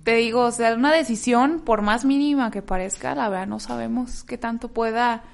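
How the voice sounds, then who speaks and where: A woman's voice: on the high side, moderate pace, creaky. A woman guest on a talk show, reflective and thinking aloud with many fillers. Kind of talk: casual chat.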